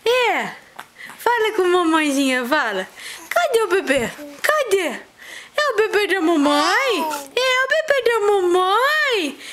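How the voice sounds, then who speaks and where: A woman's voice: extremely high pitch, sing-song, takes it slowly, noisy background. A mother playfully teasing her baby in sing-song baby talk.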